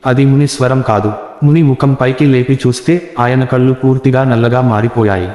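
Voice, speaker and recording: A man telling a first-person horror story in a measured, suspenseful way. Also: mid-range voice, steady tone, a little mellow. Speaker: narrator. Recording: roomy echo with long reverb.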